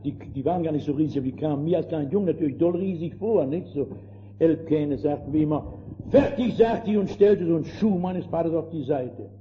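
An older man preaching a fervent sermon, calling his listeners friends and swinging between hushed and emphatic delivery. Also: on the high side, quick pace. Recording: dull lo-fi old sermon recording with faint noise.

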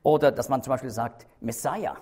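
A man's voice: a little high, very animated, a little slow, a little mellow, slightly rough. A man teaching a Bible study, explaining carefully, stressing key words and checking in with his listeners.

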